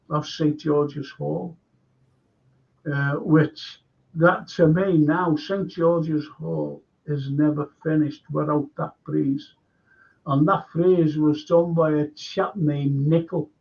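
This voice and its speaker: Speaking slowly in a creaky, somewhat high voice, this older man with a Liverpool accent chats casually on his radio show. He reads out listener messages and wanders through local history tales, performing any quoted voices, all captured on a dull, lo-fi recording.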